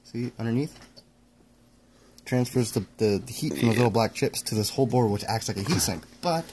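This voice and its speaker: A man's voice: mid-range voice, brisk, a little mellow, slight background noise. A man casually explaining a console repair as he works, talking in a rambling way and correcting himself. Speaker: repair technician explaining hardware. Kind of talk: casual hands-on demonstration.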